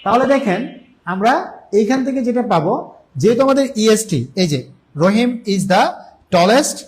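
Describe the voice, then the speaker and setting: A young Bangladeshi man with a high voice, lively intonation, and a Bangladeshi Bengali accent teaches English grammar in a live online class. Again and again he asks his students a question and immediately answers it himself, stretching out the English example words slowly so they're easy to follow.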